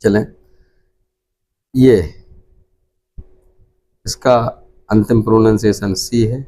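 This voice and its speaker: A man's voice: on the low side, fairly even intonation, slow, dark tone, slight background noise. A middle-aged man with an Indian Hindi accent, teaching English pronunciation and repeating each word several times. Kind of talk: pronunciation lesson.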